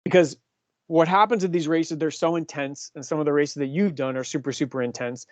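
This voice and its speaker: A man's voice: a little high, a little fast, a little mellow, no echo. A man in his fifties, a cycling coach chatting and explaining things to his team, often asking them questions. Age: 50s. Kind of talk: casual team talk.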